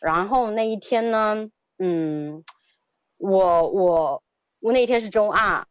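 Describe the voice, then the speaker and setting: A woman's voice: mid-range voice, slow, clear, resonant tone, no echo. A woman in her thirties telling a personal story as an interview guest, hesitant, often repeating words and laughing.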